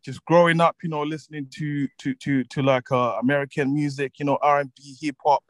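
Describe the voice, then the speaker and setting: A man in his twenties from Zimbabwe, a musician guest talking in a relaxed way, laughing often and repeating words as he thinks. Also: on the high side, brisk, no echo, poor audio. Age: 20s. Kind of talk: casual interview chat.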